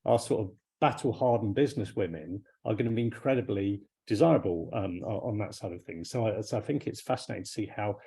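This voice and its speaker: Man from the United Kingdom, lowish voice, husky, measured, halting, video call. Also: mellow, poor audio. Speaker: audience questioner. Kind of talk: online panel discussion.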